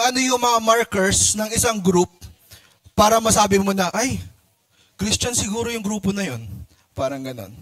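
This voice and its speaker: A man preaching in a casual, lively way with a Filipino accent, asking the congregation questions, mimicking different ways of talking and laughing often. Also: sits high. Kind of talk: sermon with audience questions.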